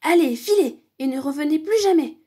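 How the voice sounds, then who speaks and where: A woman's voice: high voice, animated, a little fast, warm tone. Woman doing a firm male schoolteacher. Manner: firm, reassuring classroom address. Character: stern but kind male schoolteacher.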